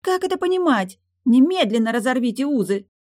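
A woman's voice: lowish voice, sing-song, normal speed, no echo, studio quality. A woman voicing a spoiled, haughty young noblewoman who whines and pouts, in a read-aloud novel. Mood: shrill. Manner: capricious, whining.

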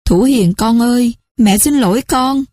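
Một phụ nữ đóng vai bà mẹ kế ngoài năm mươi, giọng cao nghẹn ngào. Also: female voice, a little high, a little slow, warm tone, dry recording. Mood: tearful. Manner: pleading, tearful. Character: grieving stepmother in her fifties, remorseful and tender.

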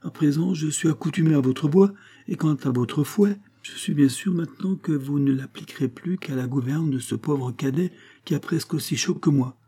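A man doing a naive young peasant lad, higher and earnest. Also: moderate pace, hardly any pauses, warm tone, husky. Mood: pleading.

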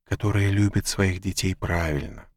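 A man voicing a calm, gentle wise woman in an audiobook, quiet and patiently insistent. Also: low-pitched, moderate pace, no echo, clean studio sound. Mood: tender. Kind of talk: audiobook narration.

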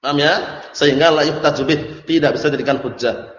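A man's voice: on the high side, fairly even intonation, brisk, fairly bright tone. A man giving a religious study lecture, asking his audience questions and answering them himself, often checking that they understand. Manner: repeats phrases and checks understanding. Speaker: Islamic teacher. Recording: echoey hall, dull lo-fi sound.

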